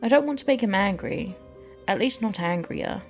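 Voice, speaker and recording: A woman's voice: mid-range voice, lively intonation, normal speed, music in the background. A woman doing game playthrough commentary and reading the dialogue aloud as she plays.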